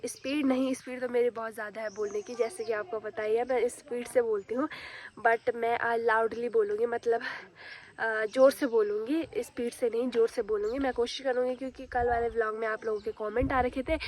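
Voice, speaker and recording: Young woman, casual home vlogger, a bit breathless and unwell, rapid flat chatter, raised pitch. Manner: fast-talking, chatty, walks and cooks while talking. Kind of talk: casual vlog chat. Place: home, rooftop and kitchen.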